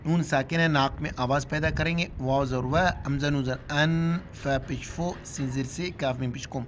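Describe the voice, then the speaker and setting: A man teaching Quran recitation in Urdu-accented speech, spelling out letters and vowel marks, then reciting each word slowly and drawn out. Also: medium pitch, steady tone, a little hiss or hum.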